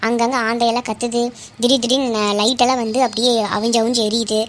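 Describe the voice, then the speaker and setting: A woman's voice: a little high, little pitch movement, fast talker, a little hiss or hum, natural voice. A woman voicing a chatty girl telling a ghost story at camp, often asking "okay?". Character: chatty storyteller girl who scares easily.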